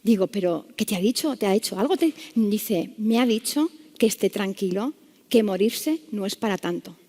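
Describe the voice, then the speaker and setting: A woman's voice: medium pitch, normal speed. A woman doctor, telling a clinical anecdote to an audience and acting out the voices in it. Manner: lively anecdotal storytelling, acting out dialogue. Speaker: palliative care doctor. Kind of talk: storytelling talk to an audience. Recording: long hall reverb.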